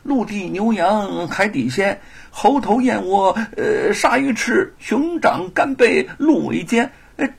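A man's voice: high-pitched, expressive, slow pace, gravelly, few pauses, slightly rough, voice pushed up, exaggerated voice. A man voicing a poor young male thief who stammers and repeats his words, sheepish and pleading.

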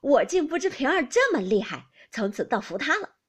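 A woman's voice: a little high, sing-song, fairly quick, breathy edge. A woman doing a wheedling young nobleman. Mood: blustering.

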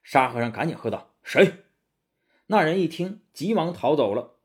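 Lively, husky male storyteller. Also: mid-range voice, a little fast. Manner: animated, dramatic retelling. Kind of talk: storybook narration.

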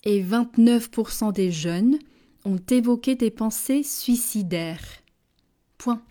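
A woman reading a French dictation slowly, saying each phrase twice and speaking the punctuation aloud. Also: warm tone. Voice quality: measured, deliberate, dropping low on punctuation words. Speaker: dictation reader.

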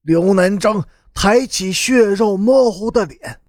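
Slow, dramatic male audiobook narrator. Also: sits high, dry recording, clean studio sound. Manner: slow, dramatic, expressive storytelling.

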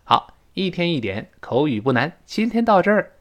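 A man teaching spoken English in Chinese, explaining pronunciation and acting out sounds and sighs. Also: on the high side. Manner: lively, demonstrates pronunciation with drawn-out sounds. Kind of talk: spoken English lesson podcast.

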